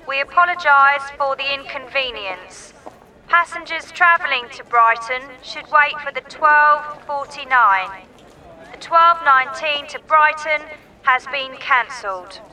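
A woman making scripted station announcements in a slow, formal, clearly enunciated way. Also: sits high, sharp tone.

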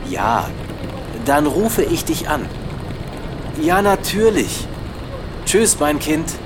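Male actor as an affectionate, reassuring man on a phone call, very measured pace, lively swooping intonation. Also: a little high, noisy background.

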